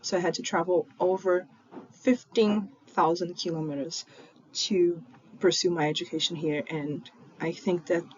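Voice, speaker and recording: A young Brazilian woman, a genetics PhD student whose first language is Portuguese, tells her personal story earnestly in a Brazilian accent, saying "um" often. Her voice is on the low side, steady, and moderately paced. She's recording remotely from home in Fortaleza, and the lo-fi audio sounds dull with faint noise.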